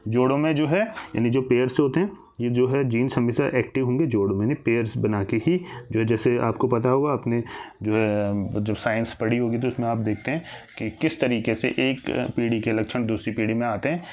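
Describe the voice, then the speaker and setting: In a recorded exam-prep lesson, a man teaches at a moderate pace in a medium-pitched, slightly mellow voice. He asks questions and answers them himself, frequently restarting and repeating phrases.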